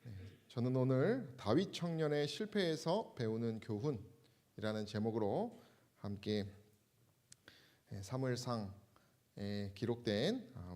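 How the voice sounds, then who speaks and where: A male pastor giving a Bible lecture sermon to his congregation in a measured, explanatory way while referring to slides. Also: lowish voice, darkish tone. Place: church.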